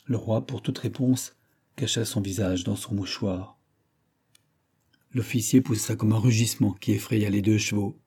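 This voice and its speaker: Husky, dark-toned male audiobook narrator. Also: on the low side, steady tone, normal speed. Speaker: audiobook reader.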